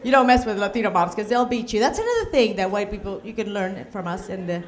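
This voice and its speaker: A woman's voice: medium pitch, lively intonation, quick pace, slight background noise. A middle-aged woman from Puerto Rico with a Puerto Rican accent performing a stand-up comedy set, with punchy delivery and Spanish asides. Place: comedy club stage.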